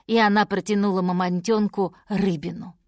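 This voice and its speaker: A woman narrating a children's fairy tale in an audiobook, expressive and unhurried. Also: mid-range voice, no room sound, studio quality.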